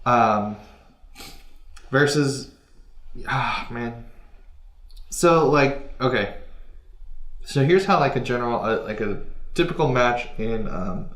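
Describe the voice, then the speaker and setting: A young man chatting casually on a podcast, his speech full of hesitations, fillers and restarts as he explains things. His voice has a middle pitch and carries a noticeable room echo. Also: slow, pauses often, fairly bright tone. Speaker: podcast host. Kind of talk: casual chat. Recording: echoey room.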